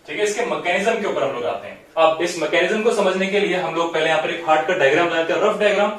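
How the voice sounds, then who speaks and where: Fast and expressive, this man's fairly high, somewhat bright voice leads a biology class at a whiteboard, with slight background noise. He explains each step, checks in with students by repeating "theek hai" and slips English terms into his talk. The recording comes from a very echoey room with a distant mic.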